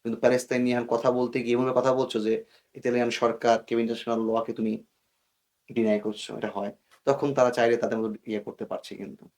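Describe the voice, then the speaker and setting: A man's voice: medium pitch, a little mellow. A man from Bangladesh, a guest in an interview, explaining in earnest, cautionary tones and mixing English words into his speech. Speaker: guest expert.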